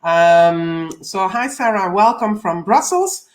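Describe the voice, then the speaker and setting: A woman's voice: medium pitch, expressive, slow pace. A woman from Belgium in her forties, a coach hosting a live stream, welcoming viewers over and over with frequent ums. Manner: warm repeated welcomes, frequent ums, reads viewer comments.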